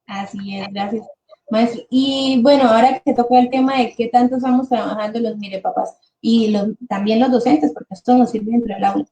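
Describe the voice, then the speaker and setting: A woman speech therapist presenting a webinar to parents and teachers, explaining patiently and slowing down to model words the way she would for children. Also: a little high, steady tone, warm tone.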